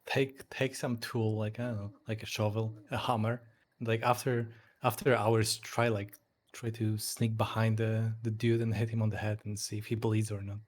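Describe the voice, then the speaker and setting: Husky teasing man with dark jokes. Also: on the low side, level tone, normal speed, few pauses. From Poland. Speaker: player. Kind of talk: casual chat.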